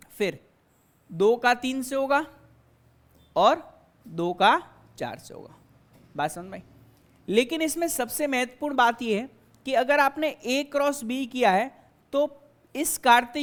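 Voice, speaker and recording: High-voiced woman teaching math step by step. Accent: Hindi-speaking Indian. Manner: explains step by step, asks and answers her own questions. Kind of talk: classroom lecture.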